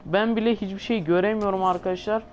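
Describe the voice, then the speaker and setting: A gaming video host, she talks fast in a steady, medium-pitched, darkish voice, with a little hiss or hum in the recording. Her commentary for her channel is full of swearing and exasperated griping aimed directly at viewers.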